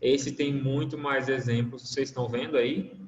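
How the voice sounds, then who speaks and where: Patient teacher in an echoey room. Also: male voice, mid-range voice, fairly even intonation, normal speed, slight background noise. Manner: patient, explaining with frequent check-ins like "né?" and "tá?". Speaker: English teacher. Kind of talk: online class explanation. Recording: roomy, reverberant, dull lo-fi call audio.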